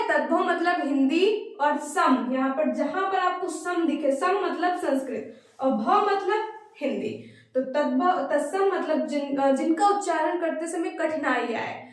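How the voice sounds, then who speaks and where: A woman teacher with a high voice speaks slowly and deliberately as she drills word pairs, repeating each one patiently. She is recorded from a distance, so her voice rings with a strong echo from the room. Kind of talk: Hindi grammar lesson for exam prep.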